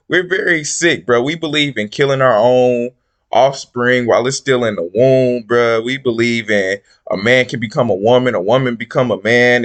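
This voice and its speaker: A man's voice: medium pitch, a bit bright. A man giving casual reaction commentary in a slangy frat-bro manner, peppering his talk with bro. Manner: bro-heavy slangy frat-bro talk, repeats "bro" and "you feel me".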